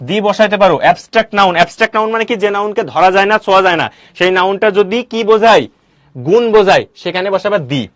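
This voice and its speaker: A male teacher giving a classroom grammar lecture, quizzing students with quick questions and answering them himself. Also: high voice, a bit bright, dry recording, clean studio sound.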